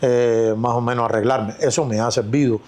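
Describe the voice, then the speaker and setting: A man's voice: mid-range voice, fairly even intonation, moderate pace, a little mellow. A man with a Cuban accent, an actor being interviewed, speaking in a reflective, storytelling way with plenty of fillers. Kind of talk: casual interview talk.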